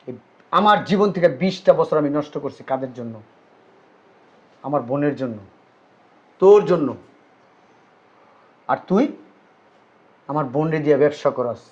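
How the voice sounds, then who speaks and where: A man's voice: on the high side, lightly acted. A man with a Bangladeshi Bengali accent playing a furious brother back from twenty years abroad, scolding with angry rhetorical questions. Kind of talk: amateur short drama acting.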